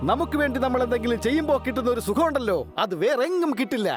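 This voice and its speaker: A woman's voice: sits high, lively intonation, very fast. A woman voicing a clever, bossy male parrot in a cartoon dub, lecturing his friends. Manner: know-it-all lecturing. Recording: music behind.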